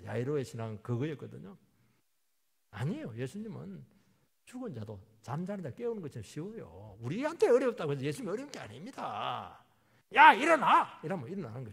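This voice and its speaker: A man preaching a sermon as a pastor, who acts out quoted lines with lively emphasis. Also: mid-range voice, vocal fry, breathy edge. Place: church sanctuary. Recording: reverberant church hall.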